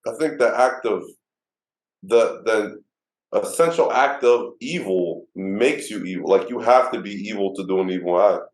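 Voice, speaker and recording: A man's voice: on the low side, moderate pace, roomy sound, low-quality recording. A man in casual chat, stating his view firmly and matter-of-factly.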